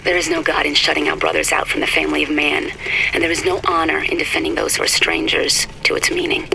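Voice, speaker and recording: A disillusioned idealist in a game audio diary. The voice is gravelly, flat and solemn, on a noisy, crackling old recording. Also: male voice, a little high, fast. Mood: solemn resolve.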